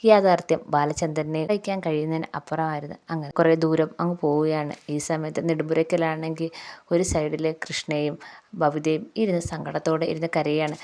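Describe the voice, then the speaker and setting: Fast, low-voiced woman recapping a serial. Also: darkish tone. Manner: chatty, repetitive storytelling. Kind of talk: casual retelling of a TV serial episode.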